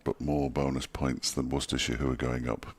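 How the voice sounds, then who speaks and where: A man giving dry, wry ball-by-ball cricket commentary in a relaxed, chatty way. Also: extremely low pitch, fairly quick. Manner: dry, wry and chatty, chuckles at his own jokes. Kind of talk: ball-by-ball radio-style commentary.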